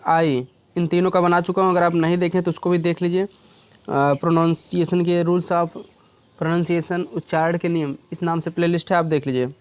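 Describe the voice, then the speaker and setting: A man's voice: high-pitched, smooth, dry recording. A man teaching English, explaining step by step and often checking that his students follow. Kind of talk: classroom lesson.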